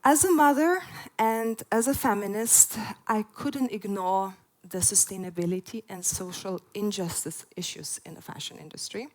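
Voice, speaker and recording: Her mid-range voice is a little mellow, moving at a normal speed, though the audio is poor. The Lithuanian-born speaker, in her forties, sincerely presents a prepared festival talk to an audience. She says "uh" frequently.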